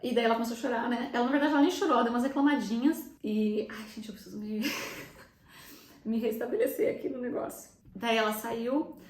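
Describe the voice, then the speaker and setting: On the high side and sounding roomy, this young woman's voice carries a Brazilian Portuguese accent. She recounts the story of her birth vlog-style, talking quickly and chattily, addressing viewers directly while close to tears.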